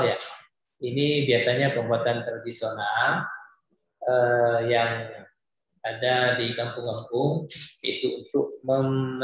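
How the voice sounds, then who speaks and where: A man teaching Quran recitation, answering viewers' questions in a hesitant way with many filler pauses. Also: mid-range voice. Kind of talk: live-streamed Q&A lesson. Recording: very echoey room.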